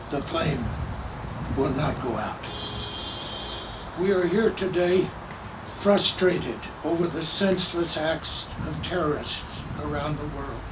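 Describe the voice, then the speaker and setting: Distant, solemn man praying publicly. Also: a little high. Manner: solemn, measured oratory in short phrases. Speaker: clergyman giving a ceremony prayer. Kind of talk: formal public prayer. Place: public memorial ceremony. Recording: distant microphone, clearly noisy ambience.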